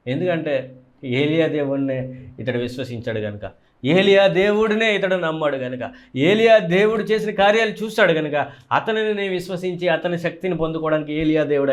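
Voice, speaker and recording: A man's voice: on the high side, expressive, a little fast. A man with a Telugu accent preaching a sermon, asking rhetorical questions and repeating phrases for emphasis.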